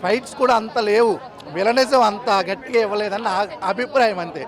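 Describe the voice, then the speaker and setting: A man giving a measured street review of a film, weighing its strengths against its weaknesses. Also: high-pitched, a crowd in the background. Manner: measured, critical, weighs pros and cons.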